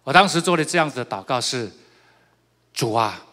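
A middle-aged man sharing his testimony in a fairly high voice. He tells his story with animated energy and laughing asides, then drops to hushed, heartfelt confession. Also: rapid-fire, in a large hall. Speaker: church member giving testimony. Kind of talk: personal testimony.

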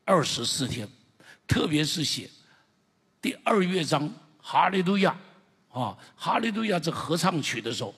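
A man with a fairly high, husky, breathy voice preaches a sermon in a church. His delivery is emphatic and builds to loud, shouted declarations. The sound carries a long reverb from a large hall. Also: very animated, normal speed. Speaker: pastor. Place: church sanctuary.

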